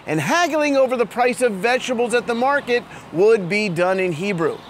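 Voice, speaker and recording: Outdoors on a town street, a male host tells a story in an earnest, scripted manner. His voice is high-pitched, with slight background noise, and he is an immigrant to Israel.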